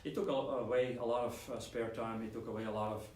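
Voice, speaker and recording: A man's voice: mid-range voice, fairly even intonation, quick pace, a little mellow. A man hosting a casual weekly live stream, talking in a loose, rambling way with lots of fillers and restarts. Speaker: host of a weekly model-kit live stream. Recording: roomy echo, speaker away from the mic, faint room hum.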